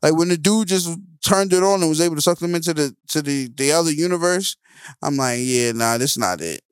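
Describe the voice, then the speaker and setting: A man co-hosting a movie review show, talking in loose, animated banter and acting out scenes as he recaps. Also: on the high side, brisk, clean tone, no echo. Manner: animated, laughs loudly, acts out scenes. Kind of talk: casual banter.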